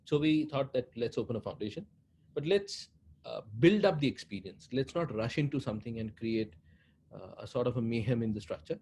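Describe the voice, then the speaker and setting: A man's voice: mid-range voice, expressive, brisk, darkish tone. A man with an Indian accent giving long, earnest explanations as an interview guest, often repeating phrases for emphasis. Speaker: interview guest, head of a social foundation. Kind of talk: interview talk, explaining at length. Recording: clearly noisy background.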